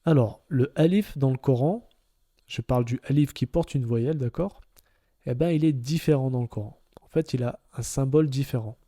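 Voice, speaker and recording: Male tutor, calm and repetitive, mid pitch, very warm dark tone. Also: moderate pace. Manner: patient, repeats each step, checks with "d'accord?". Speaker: Arabic reading teacher. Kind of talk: step-by-step lesson.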